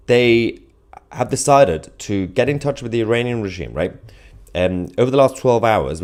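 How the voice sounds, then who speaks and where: Hosting an online political news show live, this man has a medium-pitched, somewhat mellow voice. He speaks to his viewers with emphatic sarcasm and mockery.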